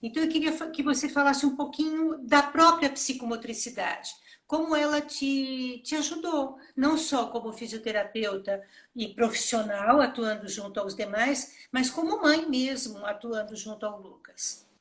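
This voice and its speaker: A woman's voice: high-pitched, normal speed, a bit bright. A Brazilian woman hosting a live interview, affirming her guest and asking questions. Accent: Brazilian Portuguese.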